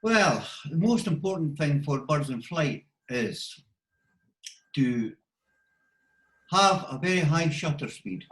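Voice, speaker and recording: A man's voice: fairly high pitch, lively intonation, takes it slowly, long pauses, a bit bright, reverberant, rough recording. A man with a Scottish accent, a wildlife photographer giving practical step-by-step advice in an interview over a video call. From Scotland. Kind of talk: casual explanatory interview talk.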